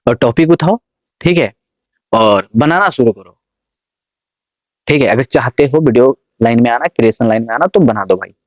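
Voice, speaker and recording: A man's voice: medium pitch, darkish tone, dry recording. Man, vlogger, pep-talk to camera, coaxing, dry muffled phone sound. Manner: coaxing, keeps asking if you understand. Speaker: vlogger giving advice. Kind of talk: casual motivational talk to camera.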